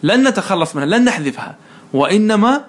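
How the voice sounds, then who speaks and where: Quick, higher-voiced male teacher. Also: sing-song. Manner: patient, drills the student with questions and praise. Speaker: teacher of Arabic morphology. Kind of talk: one-on-one lesson, question and answer.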